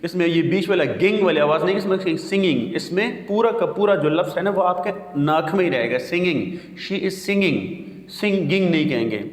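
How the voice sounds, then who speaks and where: A man teaching English pronunciation, spelling words out slowly and deliberately. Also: on the high side. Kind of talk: pronunciation lesson. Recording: echoey room with long reverb.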